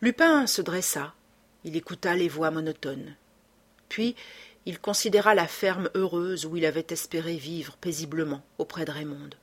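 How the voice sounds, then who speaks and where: A woman narrating an audiobook with a dramatic, expressive reading. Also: low-pitched, normal speed, breathy edge.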